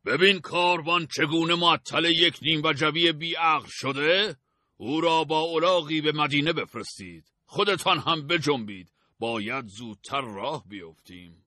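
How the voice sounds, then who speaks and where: A man's voice: medium pitch, animated, sharp tone, no echo, studio quality. A man voicing a cruel, mocking caravan master in an audiobook, with a sneering, taunting delivery. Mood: angry. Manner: sneering, taunting, laughs at others. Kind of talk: audiobook character voice.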